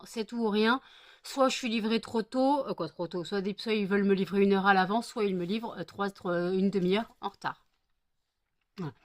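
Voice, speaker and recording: On a dry recording, a woman with a slightly high voice chats casually for her vlog, hesitating a lot and sounding tired. Along the way she affectionately scolds her pets.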